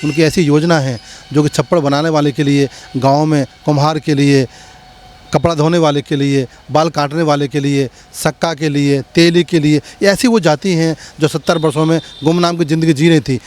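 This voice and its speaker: A man's voice: fairly high pitch, steady tone, normal speed, darkish tone, slight background noise. A man, a community leader, answering interview questions in a rhetorical, impassioned speechmaking manner with many repetitions.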